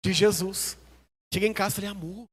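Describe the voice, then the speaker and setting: High-voiced Brazilian pastor telling stories. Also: male voice, a little fast, big-room sound. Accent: Brazilian Portuguese. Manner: animated, humorous, self-mocking. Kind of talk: storytelling sermon. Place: church hall.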